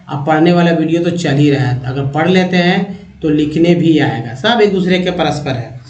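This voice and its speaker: A man leads an English vocabulary lesson, sounding out each word slowly and calling his viewers friends. His voice sits fairly high and he speaks at an unhurried pace. The recording has a noticeably roomy, echoey sound. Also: dull audio. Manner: slow, drawn-out word-by-word pronunciation drill; chatty, addresses viewers as friends. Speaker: English teacher. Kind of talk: vocabulary lesson with pronunciation drill. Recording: echoey room.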